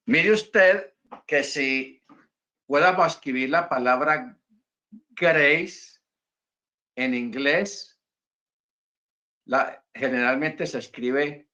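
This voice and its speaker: A man's voice: mid-range voice, bright, forceful tone. A man teaching a class to his congregation over a video call. He explains patiently, repeats his points and checks in with his listeners. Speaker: Bible and Hebrew teacher.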